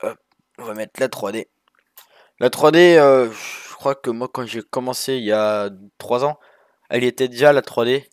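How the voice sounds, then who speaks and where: A man's voice: mid-range voice, moderate pace, no echo, studio quality. A man casually narrating a walkthrough of a sailing game over his screen, rambling with many fillers and restarts. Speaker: gaming youtuber.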